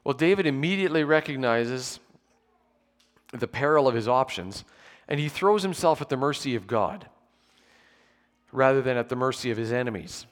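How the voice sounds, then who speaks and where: A man in his forties preaching a measured, explanatory sermon at a pulpit microphone in a church, with touches of dry humour. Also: medium pitch, animated. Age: 40s. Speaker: pastor. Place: church sanctuary with pews. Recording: long church hall reverb.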